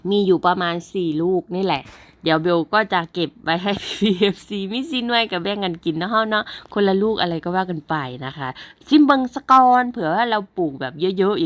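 A woman's voice: medium pitch, no echo. A young woman with an Isan accent, chatting casually to her viewers as a rural housewife vlogger. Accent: Isan Thai. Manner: chatty, keeps addressing viewers as everyone. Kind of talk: casual vlog narration. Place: rural home and garden. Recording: crickets and insects behind.

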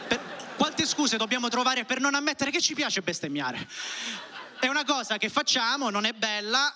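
High, very bright-voiced stand-up comedian, male. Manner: conversational, ironic, freely swearing. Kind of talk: stand-up comedy routine to a live audience. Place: comedy club stage with seated audience. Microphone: handheld microphone.

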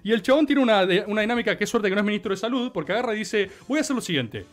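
A man in his thirties with a Rioplatense accent, telling a comic history story on a podcast, animated, slangy and laughing. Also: sits high, racing. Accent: Rioplatense Spanish. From Argentina. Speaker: podcast host. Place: radio studio.

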